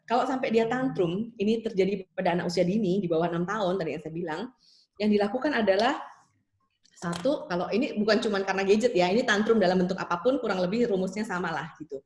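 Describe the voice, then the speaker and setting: Rich: a woman child psychologist talks through advice at a quick clip, explaining point by point and dropping frequent tag fillers. Her voice sits at a middle pitch and carries a roomy echo from her video call. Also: a little mellow. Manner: explanatory, frequent tag fillers, acts out soothing parent lines. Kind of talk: online seminar Q&A.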